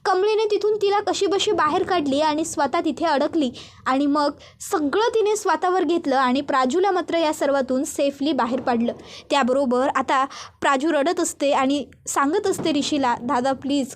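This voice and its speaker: A woman retelling a serial episode as a steady narrative recap. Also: high voice, moderate pace, slight background noise. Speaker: storyteller.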